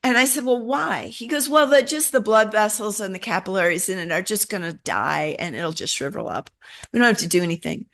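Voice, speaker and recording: In an interview, a middle-aged woman recounts something from her own life, speaking at a medium pitch and a fairly quick pace. She tells it with animation, slipping into the voices of the people she quotes.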